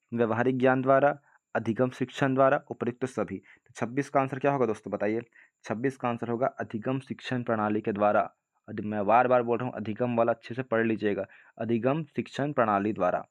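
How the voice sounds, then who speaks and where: Man, teacher, casual exam-prep lesson, reads questions aloud, keeps checking in viewers. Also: mid-range voice. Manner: repeats checks like "ठीक है ना", addresses viewers as friends. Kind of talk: casual spoken lesson, reading quiz questions.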